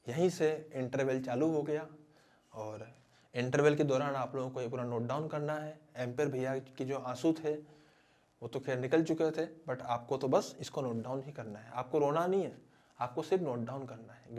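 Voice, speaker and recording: A man's voice: medium pitch, normal speed. A man teaching physics as a dramatic story, talking straight to his students. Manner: animated, dramatic storyteller who addresses students directly.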